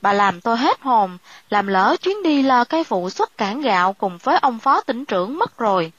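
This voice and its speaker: A woman's voice: high-pitched, lively intonation, a little fast, no echo, lo-fi sound. A woman voicing a worried, grumbling middle-aged official husband.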